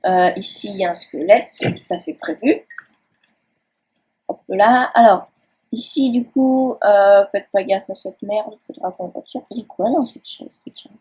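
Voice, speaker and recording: A woman's voice: mid-range voice, measured pace, a little mellow, slightly rough, rough recording. A young woman casually touring her game world, rambling and hesitant with many fillers. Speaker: gaming channel host. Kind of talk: casual game-tour commentary. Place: at home by a laptop.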